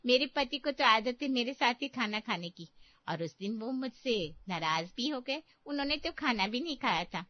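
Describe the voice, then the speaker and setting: A woman's voice: on the high side, animated, no room sound, close to an everyday voice. A woman playing a chatty middle-aged female friend from the old neighbourhood in a cartoon story. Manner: chatty, reminiscing. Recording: dull, dry lo-fi.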